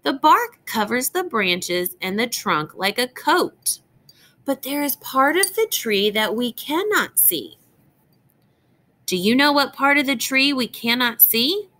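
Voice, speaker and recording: A woman reads a picture book in a teacher's manner, addressing young children directly with deliberately chosen phrasing. Her voice is high-pitched and sing-song, with a sharp tone.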